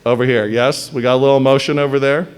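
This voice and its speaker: A man giving a blunt, animated lecture to a live class, sometimes mocking the voices of others. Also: mid-range voice, quick pace, smooth. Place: classroom or hall with audience.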